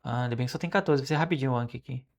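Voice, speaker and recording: A Brazilian Portuguese speaking man studying French aloud, repeating phrases slowly and correcting himself as he goes. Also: mid-range voice. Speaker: language learner streaming his study. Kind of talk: casual study vlog, thinking aloud.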